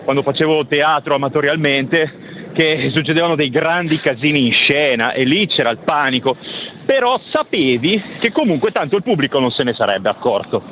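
A man calling in over the phone to chat on a radio show, a slightly high voice with a talkative, storytelling manner. The phone line sounds muffled, with a faint hiss of background noise. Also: moderate pace. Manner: chatty storyteller, lively anecdotes. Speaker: caller.

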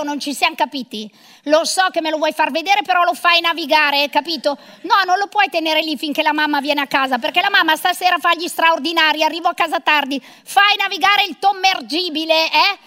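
A woman's voice: extremely high pitch, sharp tone. A middle-aged woman performing a comic monologue of phone calls as a bossy, sarcastic career mother.

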